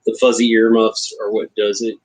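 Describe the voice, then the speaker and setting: Man co-host, husky voice, easygoing livestream chatter over a video call. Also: fairly low pitch, flat delivery, moderate pace, a little mellow, rough recording. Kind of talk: casual livestream discussion.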